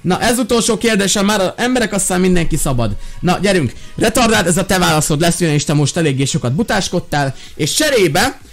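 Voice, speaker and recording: Exasperated high-voiced young man gaming. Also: animated, vocal fry, few pauses, soft background music. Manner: exasperated, yelling and pleading, frequent exclamations. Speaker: gaming YouTuber playing a teacher. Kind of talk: Minecraft role-play commentary.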